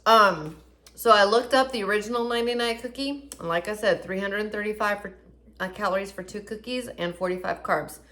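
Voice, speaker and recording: A woman's voice: mid-range voice, fairly quick, pushed and bright. A woman with a mid-range voice hosts a home cooking video from her kitchen. She walks the viewer through each step in a chatty, upbeat, everyday way. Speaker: cooking show host. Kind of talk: casual cooking demonstration.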